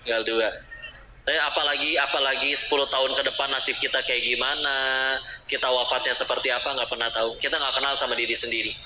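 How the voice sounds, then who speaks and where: A man's voice: mid-range voice, fairly even intonation, fast, pushed and bright. A man preaching a humorous sermon, teasing his audience with questions. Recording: roomy hall with clear background noise.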